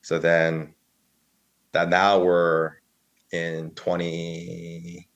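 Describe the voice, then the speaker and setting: A man in his thirties with a very deep, low-pitched voice tells his story as a podcast guest. He rambles casually, repeating "so then" and "like", and acts out the words of others. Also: completely flat delivery, extremely slow, muffled recording. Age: 30s. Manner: rambling, filler-heavy, quotes others.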